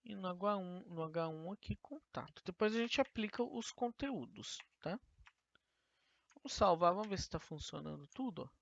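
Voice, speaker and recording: Woman teacher, gravelly voice, talks a screen-recorded coding lesson through step by step on a dull lo-fi mic. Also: fairly low pitch, expressive, normal speed. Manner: explains step by step, asking and answering her own questions.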